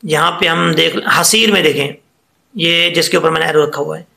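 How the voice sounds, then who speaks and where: A man's voice: a little high, steady tone, moderate pace, creaky, sharp tone, echoey room. A man teaching Quran recitation rules, patiently explaining each letter and drawing out the example words to demonstrate them. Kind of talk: tajweed lesson.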